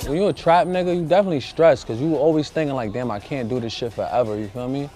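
A man's voice: medium pitch, fast talker, warm tone. A young man, born in Brazil and raised in Harlem, talking about his past in street slang, often adding "you feel me". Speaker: rapper. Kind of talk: casual interview talk. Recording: faint music behind the voice.

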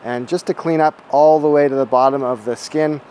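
A man in his forties calmly explaining each step of a repair job while he works in a boat shed. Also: mid-range voice, brisk, slight background noise. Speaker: boat restorer. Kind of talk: how-to narration while working. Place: boat shed with timber frame, indoors.

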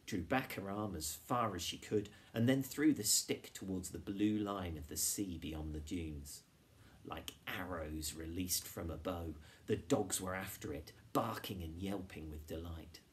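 A man reading a children's storybook aloud in a measured, expressive way. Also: low-pitched, a little hiss or hum. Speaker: reader.

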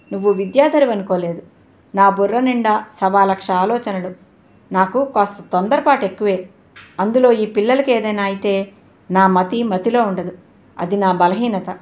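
A woman voicing a short-tempered, blunt, wealthy middle-aged father in a storybook reading, speaking loudly and abruptly. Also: medium pitch, normal speed, close to an everyday voice. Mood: apologetic. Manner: scolding, loud and abrupt.

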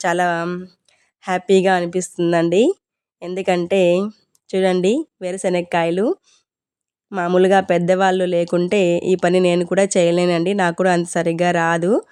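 A woman's voice: on the low side, level tone, moderate pace, long pauses, darkish tone, clear, resonant tone, no echo, clean studio sound. A woman narrating a casual vlog in a chatty, polite, explanatory way. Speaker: home vlogger.

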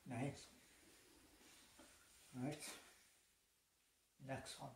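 Slow, low-key man tasting gross jelly beans. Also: little pitch movement, vocal fry, darkish tone. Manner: low-key, hesitant, eating while talking through a gross jelly bean challenge. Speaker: amateur taste-challenge vlogger. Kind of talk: casual chat, halting commentary while tasting. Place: living room, seated on a sofa. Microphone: phone or camera a short distance away. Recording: distant mic, roomy echo, clicks, faint hiss.

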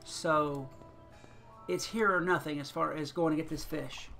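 A man talks his way through a game session in a relaxed, chatty way, thinking out loud and chuckling now and then. His voice sits a little high, with a gravelly edge and a bright, forward tone. Soft game music plays in the background. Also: unhurried. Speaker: gaming channel host. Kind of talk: casual gameplay commentary.

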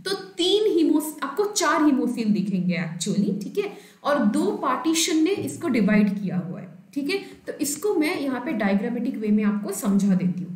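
Teaching biology in a live online class, a woman explains step by step as she draws, checking in with students and greeting viewers from the live chat in a Hindi-English mix. Her voice is high, and the sound is roomy.

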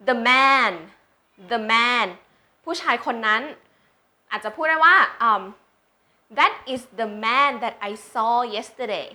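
A woman with a slightly high, sharp-toned voice tutors English beginners slowly, using example sentences. She is patient, asks learners questions to check their understanding, and draws out example words for them to repeat.

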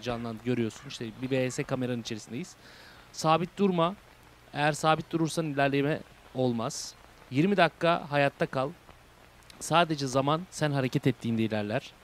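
A young man with a Turkish accent doing casual horror game commentary, reading game text aloud and translating it, jumping between hushed whispers and loud shouts. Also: medium pitch, slight background noise. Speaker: gaming YouTuber. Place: home room. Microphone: desk microphone.

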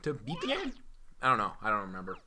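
A man's voice: fairly low pitch, huge pitch swings, fast talker, a crowd in the background. A young man co-hosting a let's play, chatting casually and swearing often, with rambling asides. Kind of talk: casual gaming commentary. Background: game music.

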